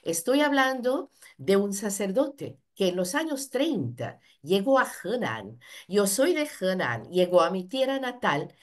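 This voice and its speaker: A woman interpreting at a seminar, fluently rendering the speaker's words in the first person. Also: medium pitch.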